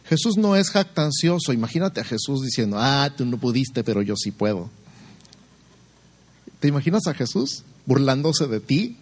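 A man preaching a sermon, in a middle-pitched voice. He keeps putting rhetorical questions to the listener. He slips into short acted-out quoted lines. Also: a little mellow.

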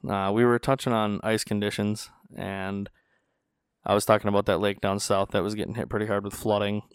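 This lowish, slightly fast voice belongs to a North Dakota podcast host who tells stories in easygoing chat, animatedly voicing the people he quotes. His tone is clean. Recorded in a small studio on a studio podcast mic, the audio is studio quality with no room sound.

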